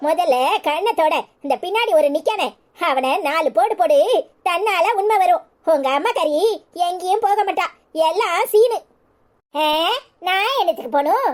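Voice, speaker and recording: A woman voicing a bossy, sharp-tongued older mother-in-law in a cartoon, speaking with a Tirunelveli Tamil accent. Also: very high voice, expressive, normal speed. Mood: mocking. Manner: scolding, scornful, bossy.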